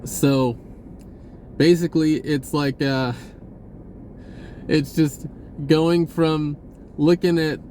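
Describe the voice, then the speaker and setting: A spiritual vlogger gives a rambling, informal monologue, halting and searching, often repeating words and slipping into laid-back slang. His voice is a little high, steady, and warm, with a slight hiss or hum.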